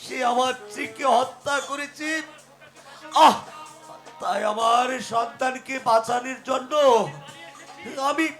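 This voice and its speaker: A wounded fugitive father, desperate and gasping, in Bengali jatra melodrama. His very high voice drags slowly through halting, repeated words and groans. Faint music plays behind him. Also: vocal fry, fairly bright tone, full character voice. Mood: dying, pained.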